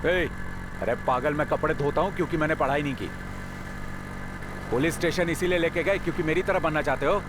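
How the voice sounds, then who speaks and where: A man dubbing a stern working-class father in a film, gruff and scolding. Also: a little high, a little fast, long pauses, lightly acted. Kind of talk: Hindi film dub. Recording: film dub with reverb and music.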